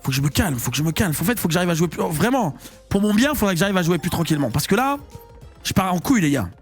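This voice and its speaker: A man commentating his live slot-machine stream, slangy and excitable, swinging between low muttering and loud hype. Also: quick pace, faint music behind. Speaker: online casino streamer.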